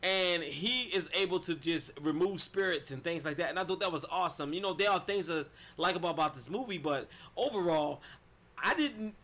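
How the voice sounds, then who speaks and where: High, bright-voiced man ranting about a movie. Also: a little fast. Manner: animated, swears a lot, addresses viewers as y'all. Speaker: movie reviewer. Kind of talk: casual profane movie review.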